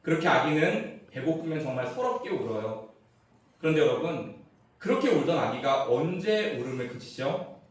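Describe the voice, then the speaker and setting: A middle-aged male pastor preaches in a church sanctuary, his fairly high voice rising and falling in lively swings. He jokes through a family story, dropping to hushed asides and then pushing out emphatic punchlines. The sound is heavily echoey and picked up from some distance. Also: moderate pace. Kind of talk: sermon. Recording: roomy church echo, mic at a distance.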